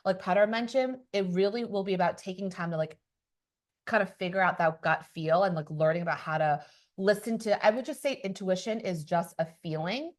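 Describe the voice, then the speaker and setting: Animated woman podcast host. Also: lowish voice, fairly quick. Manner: emphatic and animated, acts out quoted people. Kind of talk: casual chat.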